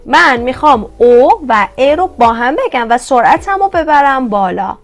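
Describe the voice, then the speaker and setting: A woman teaching Korean vowels in an online lesson, patiently repeating each sound slowly and addressing her viewers as kids. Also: high-pitched, animated.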